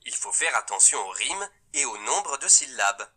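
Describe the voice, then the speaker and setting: A man giving scripted instructions and praise to a child in a learning app, in a steady, encouraging way. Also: medium pitch, slightly rough. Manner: slow, cheerful praise to a child.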